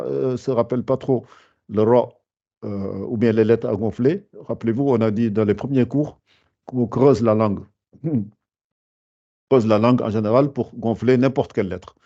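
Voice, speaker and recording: A man's voice: mid-range voice, dark tone, lo-fi sound. A man teaching Quran recitation in an online lesson, explaining patiently step by step with many hesitations.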